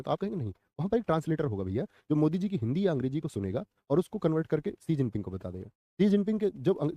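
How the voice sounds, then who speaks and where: A man's voice: medium pitch, warm tone, dry recording. A young man teaching exam vocabulary in a live online class, quizzing viewers and repeating each answer.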